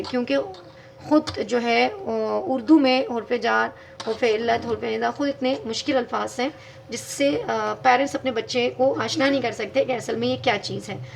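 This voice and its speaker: A woman's voice: on the high side, vocal fry, slight background noise. A woman teaching English grammar in a video lesson, patiently explaining step by step and spelling words out letter by letter.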